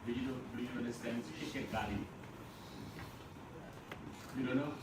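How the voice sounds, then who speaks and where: A man with a Burmese accent teaching an English class, speaking slowly, repeating words and chuckling often. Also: mid-range voice, steady tone. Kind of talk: classroom lecture. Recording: echoey classroom, mic far off, noisy.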